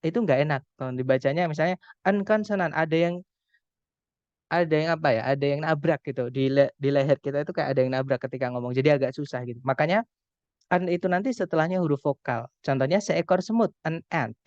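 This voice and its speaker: A young Indonesian man tutoring an online English grammar class, explaining slowly and patiently with many examples. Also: fairly high pitch, a little mellow, no echo. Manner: patient, explains slowly, often addresses students as friends. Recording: dull dry call audio.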